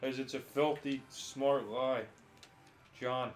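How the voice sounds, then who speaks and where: A man's voice: mid-range voice, steady tone, slow pace, a little hiss or hum. A young man chatting and joking while playing a party video game, doing mock talk-show call-ins and telling rambling stories. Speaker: gaming video host.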